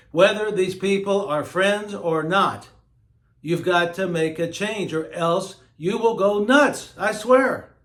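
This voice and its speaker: A man hosting his own show, talking in a slow, emphatic, preachy monologue. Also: high voice, fairly bright tone, echoey room. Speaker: host. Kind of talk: monologue to camera.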